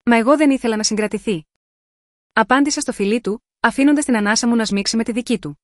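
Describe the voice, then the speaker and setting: A woman reading a scripted first-person romance story in a measured, sensual storytelling manner. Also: a little high, no room sound, clean studio sound.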